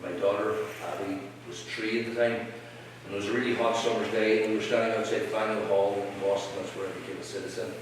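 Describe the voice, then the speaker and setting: A man's voice: fairly low pitch, flat delivery, quick pace, few pauses, noisy background. A middle-aged Irish man, a folk musician, chatting and joking between songs at a live community event. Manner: chatty, self-deprecating, joking. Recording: echoey hall, mic from far, loud guitar.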